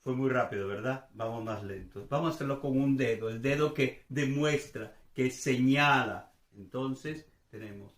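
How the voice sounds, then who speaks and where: A man's voice: medium pitch, normal speed, few pauses, reverberant. A man in his sixties from Venezuela gives a casual, rambling Spanish grammar lesson full of chatty, self-deprecating asides. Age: 60s. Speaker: Spanish teacher.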